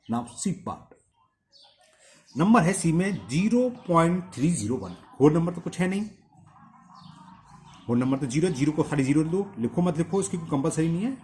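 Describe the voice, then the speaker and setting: Male maths tutor, somewhat high and very lively in pitch, walks pupils through steps. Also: slight background noise. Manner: asks questions and answers them himself, repeating steps. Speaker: maths teacher. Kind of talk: blackboard-style maths lesson.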